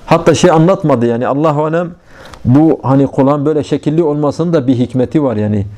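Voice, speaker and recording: Bir erkek din öğretmeni, sohbet havasında bir vaaz veriyor; gündelik örneklerle ve sorularla anlatıyor, araya Arapça ibareler okuyor. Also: male voice, fairly high pitch, fast talker, warm tone. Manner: conversational, explains with everyday examples and rhetorical questions; recites Arabic phrases between Turkish explanation. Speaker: religious teacher. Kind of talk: informal religious lesson.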